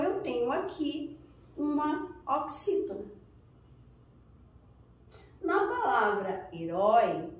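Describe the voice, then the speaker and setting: Lady teacher going slow through a lesson, points at stuff, sounds far off in a big echoey room. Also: a little high, darkish tone. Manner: slow explanatory, pointing at examples. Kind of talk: recorded lesson.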